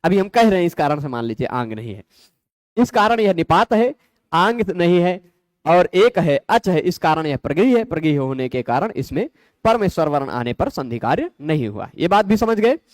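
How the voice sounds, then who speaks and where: A male Sanskrit grammar teacher, his pitch sitting high and swinging widely as he explains. He builds his points patiently, asks questions and answers them, and checks that his students follow. The recording is dry and close. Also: lively intonation, moderate pace, no echo. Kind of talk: explanatory lecture.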